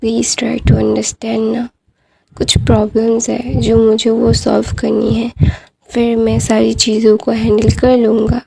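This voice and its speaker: A woman with a hoarse, sore voice reading the lines of a tender young male pop idol in a storybook tale. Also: a little high, completely flat delivery, takes it slowly, dark tone, slight background noise. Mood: pleading.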